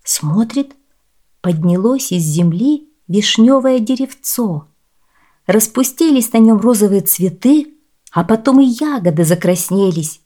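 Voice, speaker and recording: Expressive woman telling a fairy tale. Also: medium pitch, a little slow. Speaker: storyteller. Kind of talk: scripted fairy-tale narration.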